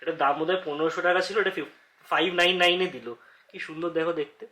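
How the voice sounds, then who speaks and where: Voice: mid-range voice, steady tone, fast talker, pushed and bright. A co-presenter chatting casually about the shopping, explaining prices and details. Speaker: co-presenter, family member. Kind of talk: casual chat. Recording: echoey room, faint noise.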